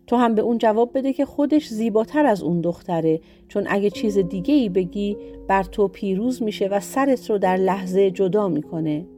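A woman's voice: mid-range voice, warm tone, faint music behind, natural voice. A woman voicing a wise young maiden giving warnings. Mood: earnest. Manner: earnest warning advice.

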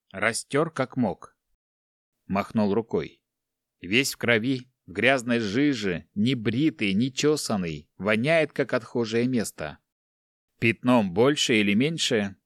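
Man, audiobook narrator, middle pitch, dry sound, measured storytelling. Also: no echo. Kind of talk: scripted narration.

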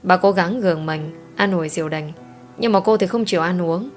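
A woman narrating a romance audiobook in a calm, even reading. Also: lowish voice, brisk. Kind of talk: scripted story narration. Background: soft music.

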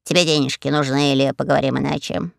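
A hoarse, cheeky parrot, as a man reading puts him on. He barks out brash retorts in a gravelly voice. The recording is dry and close. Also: medium pitch, steady tone, fast, dry recording, pitched below the performer's own voice. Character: bold, rude male parrot.

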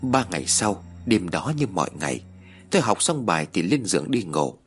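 Low, somber male horror storyteller. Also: big pitch swings, moderate pace, soft background music. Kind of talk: first-person horror story narration.

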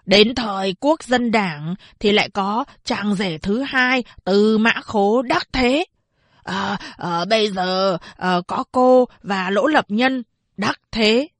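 A woman voicing a blind old man who pleads and wails with slow, drawn-out speech full of hesitant fillers. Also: mid-range voice, no echo. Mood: pleading.

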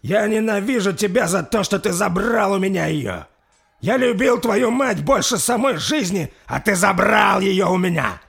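A man voicing an older vampire father who shouts with hatred at his son. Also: high voice, lively intonation, normal speed, gravelly, breathy edge, pitched above the performer's own voice, exaggerated voice. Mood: raging. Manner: hateful, shouting.

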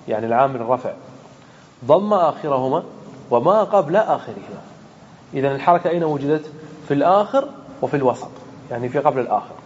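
A sheikh teaches Arabic grammar in a lecture room full of students, explaining each point step by step and posing questions he then answers himself. His voice is a little high and a little mellow; the highs are cut off and there's slight background noise.

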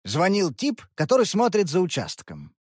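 A weary middle-aged father from a children's storybook, speaking low and subdued with an apologetic heaviness, as a woman narrator puts him on. His pitch still rises and falls a lot, with a breathy edge. Dry, close sound with faint music underneath. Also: huge pitch swings, moderate pace, darkish tone, no room sound, heavily acted. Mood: regretful. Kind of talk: audiobook character voice.

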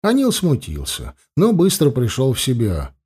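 A man reading a fantasy novel aloud as an audiobook narrator, calm and measured. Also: medium pitch, husky. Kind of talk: scripted narration.

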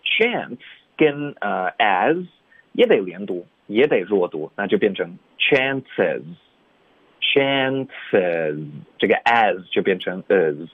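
A man teaching English pronunciation in Mandarin on the radio, slowly modeling English phrases again and again. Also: on the low side, animated, slightly rough, no echo. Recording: dry, phone-like narrow radio sound.

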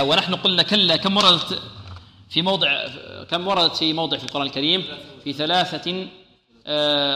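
A man gives a tajweed lesson in a bright, forceful voice pitched a little high. He poses questions and answers them himself, stretching syllables slowly to demonstrate each sound. The recording is roomy, with a long echo tail. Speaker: Quran recitation teacher. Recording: echoey room with long reverb.

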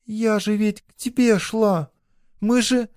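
A tearful young peasant girl from a spoken folk tale, as a male narrator puts her on. She pleads in a strained, high voice, breathless with fear. The recording is dry and close. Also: fairly even intonation, takes it slowly, darkish tone, no room sound. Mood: desperate pleading.

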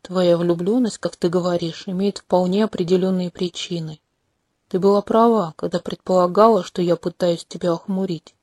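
A woman voicing a charming, manipulative male non-human prince in a home-made audiobook, speaking calmly and candidly with a faintly mocking edge. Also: lowish voice, moderate pace, no room sound, clean studio sound, lightly acted. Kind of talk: audiobook character reading. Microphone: close home mic.

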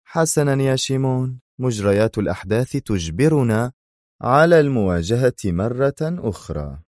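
A man's voice: medium pitch, normal speed, dry recording, clean studio sound, pitched above the performer's own voice, natural voice. A man playing a cool, sardonic spy hero. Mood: mocking. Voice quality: calm, mocking.

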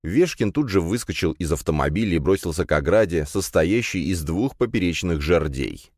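Deep-voiced guy reading an audiobook, lots of melody in it, steady storytelling, bone dry close mic. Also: normal speed, no echo. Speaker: narrator. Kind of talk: scripted audiobook narration.

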